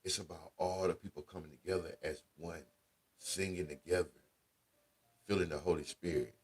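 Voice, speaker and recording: Deep husky-voiced man telling stories. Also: steady tone, moderate pace. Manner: laid-back, conversational, Southern slang. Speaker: radio show host. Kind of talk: casual storytelling monologue.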